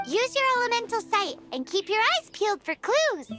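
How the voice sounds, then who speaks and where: A woman voicing a small, excitable, childlike fairy companion in a video game, with a squeaky voice. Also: moderate pace. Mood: curious. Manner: refers to self in third person, excitable. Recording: children's music behind the voice.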